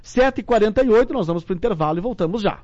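A man's voice: sits high, animated, rapid-fire, a little mellow, slight background noise. A man with a southern Brazilian accent hosting a live local radio interview. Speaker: radio host. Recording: dull lo-fi radio broadcast.

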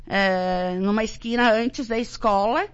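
A woman's voice: medium pitch, steady tone, a little slow, smooth. A woman with a southern Brazilian accent giving informal, hesitant answers as a guest in a radio interview. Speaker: school director, interview guest. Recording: dull lo-fi radio broadcast.

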